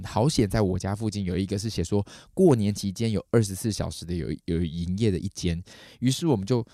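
A man's voice: no room sound, studio quality. A man, hosting a podcast and telling a story casually, acting out the voices of the people in it. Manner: animated, acts out quoted voices with big pitch jumps. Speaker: podcast host.

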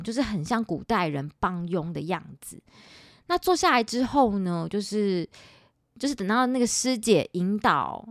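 A woman's voice: medium pitch, dry recording, clean studio sound. A woman in her forties with a Taiwanese Mandarin accent, hosting a podcast and telling a personal story in a chatty, dramatic way. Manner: animated, chatty, dramatic retelling with quoted dialogue. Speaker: podcast host.

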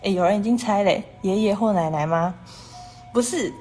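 A woman's voice: mid-range voice, normal speed, mellow, soft background music. A woman hosting a casual livestream, talking in long rambling runs strung together with "and then" and chatting with viewers about their comments. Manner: rambling and repetitive, strings clauses with "and then". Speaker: livestream host.

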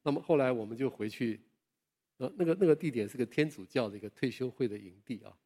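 An older man preaches. His voice sits at a middle pitch. He tells personal stories in a lively, self-deprecating way and keeps turning to the listeners with questions. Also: fast. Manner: animated storytelling with self-deprecating humor; chatty, asks the listeners questions. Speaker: pastor.

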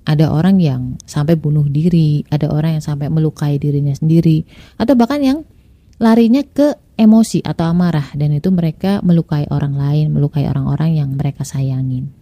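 A woman's voice: sits low, a little fast, dark tone, no room sound. A woman hosting a casual religious self-help talk, chatty and acting out quoted inner voices. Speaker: podcast host.

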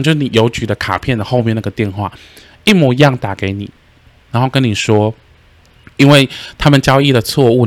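A man's voice: medium pitch, no room sound. A man tells a story in casual podcast chat and acts out the quoted voices. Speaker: podcast host.

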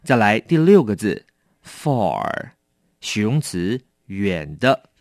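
A man with a Taiwanese Mandarin accent teaching English vocabulary, explaining patiently and repeating each word slowly. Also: lowish voice, very animated, a little mellow, dry recording, studio quality. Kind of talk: vocabulary lesson.

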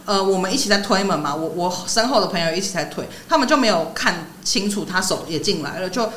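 A young woman co-hosting a podcast, telling a story in an animated way and laughing often. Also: fairly low pitch, quick pace, slight background noise. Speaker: podcast co-host. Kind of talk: casual chat.

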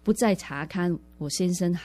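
A woman's voice: fairly low pitch, moderate pace, a little mellow. A woman sharing her personal faith testimony in a radio interview, earnest and reflective, often restarting her words.

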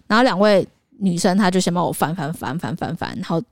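Animated, quick-talking woman. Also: on the low side, no room sound, studio quality. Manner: animated, vivid retelling with mild swearing. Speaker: podcast co-host. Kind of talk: casual chat, personal storytelling.

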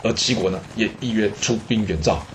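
Deep-voiced guy narrating history casually, cracking jokes as he goes. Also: a little fast, a little hiss or hum. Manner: casual, joking asides. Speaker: storyteller. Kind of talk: humorous history storytelling.

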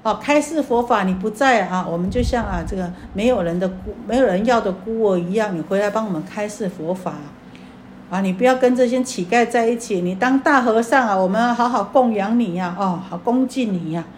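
A woman's voice: mid-range voice, fairly quick, darkish tone, a little hiss or hum, close to an everyday voice. A woman voicing an anxious young male disciple who begs his master to come back. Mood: pleading. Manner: begging, urgent.

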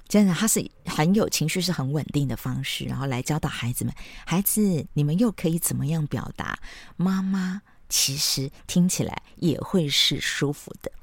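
Low-voiced woman podcaster. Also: no echo. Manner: chatty, with frequent soft laughs and tag particles. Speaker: parenting podcast host. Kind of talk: casual podcast monologue.

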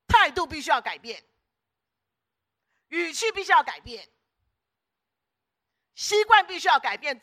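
A woman's voice: high-pitched, bright, forceful tone. A middle-aged woman preacher delivering an emphatic sermon, repeating phrases in rhythmic lists.

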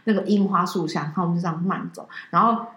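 A woman co-hosts a casual chat, telling a story at a brisk pace. She acts out the quoted dialogue with animation. The room around her sounds echoey. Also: fairly low pitch, a bit bright. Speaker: podcast co-host.

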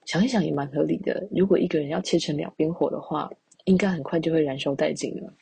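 A woman's voice: low-pitched, quick pace, gravelly, mellow, slightly rough, dry recording. A woman podcast host who reads a classical tale aloud, then retells each passage in casual speech with chatty asides. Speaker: podcast storyteller.

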